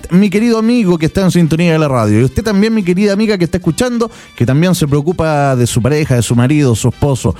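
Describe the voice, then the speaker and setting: A man with a Chilean accent hosting a radio infomercial, addressing listeners as dear friends in a repetitive, persuasive sales pitch. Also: animated, fast talker, few pauses, mellow, no echo. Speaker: radio host selling a product. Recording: music bed behind the voice.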